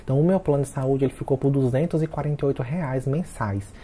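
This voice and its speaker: A vlogger in his late twenties chats casually to camera, talking straight to his viewers, keeping them involved throughout and repeatedly calling them "gente." His mid-range voice is fast and dark in tone, with a little hiss or hum.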